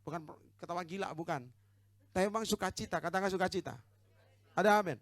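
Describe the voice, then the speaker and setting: A man preaching a charismatic sermon, swinging from hushed asides to loud exhortations and calling for amens, with English phrases dropped in. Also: high voice, quick pace, no echo. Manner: calls for amens and congregational responses. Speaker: evangelist preacher.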